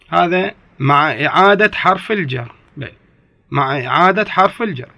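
A man teaching a grammar lesson, slowly repeating his examples and often correcting himself mid-sentence. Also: sits high, vocal fry, fairly bright tone, no echo. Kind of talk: classroom lecture.

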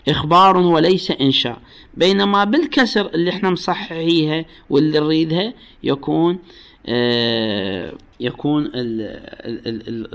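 A man's voice: fairly high pitch, fairly bright tone. A man with an Iraqi Arabic accent teaching a jurisprudence class. He explains patiently, repeats key phrases and quizzes his students. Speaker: religious law teacher.

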